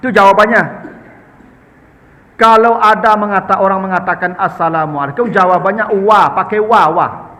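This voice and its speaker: A man with a Minangkabau accent preaches in a chatty, humorous conversational Islamic study talk, answering questions and often calling his listeners sir and ma'am. His voice is high, bright and forceful at a normal speed, trailed by long reverb.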